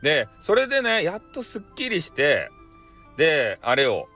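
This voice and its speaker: A man's voice: a little high, wildly swooping pitch, moderate pace, pushed and bright, faint music behind. A man with a Hakata accent casually retelling a folk tale for bedtime, playful and rambling. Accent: Hakata dialect. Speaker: storyteller.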